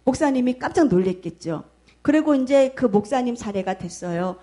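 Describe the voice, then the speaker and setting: A middle-aged woman pastor preaching a sermon, telling a story in an emphatic, animated way. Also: a little high, moderate pace.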